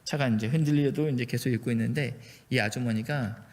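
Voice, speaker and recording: Male pastor from Jeolla, chatty self-mocking sermon anecdote, mid pitch, church reverb. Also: a little fast, darkish tone. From Jeolla, South Korea. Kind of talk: sermon storytelling. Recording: echoey church hall.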